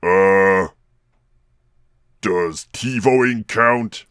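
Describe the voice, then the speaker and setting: A man voicing Bowser, a gruff, snide cartoon villain monster with a mocking, casual comedic delivery. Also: low voice, very slow, a bit bright, no echo, heavily acted. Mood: sheepish. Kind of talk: comedic cartoon fan-dub dialogue.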